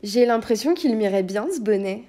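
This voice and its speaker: A woman voicing a small, eager male elf in a chirpy, high voice, in a storybook reading. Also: expressive, moderate pace, warm tone, close to an everyday voice. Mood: musing.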